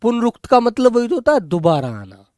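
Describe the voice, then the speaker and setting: Male teacher dictating to kids, repeats each word slow, fond tone, dry close sound. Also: extremely high pitch, big pitch swings, darkish tone, no room sound. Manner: dictates slowly, repeating words for note-taking; affectionate, calls students "beta". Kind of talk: Hindi grammar lesson for children.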